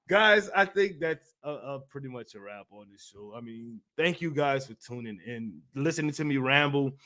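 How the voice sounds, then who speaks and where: A man with a mid-range, fairly bright voice hosts a livestream on his gaming community YouTube channel. He chats casually and answers viewers in a slangy, playful, rambling way.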